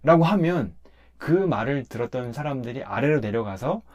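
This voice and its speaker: At a normal speed and a medium pitch, this man, a pastor, talks through a Bible passage. He stays relaxed and conversational while emphatically explaining each step.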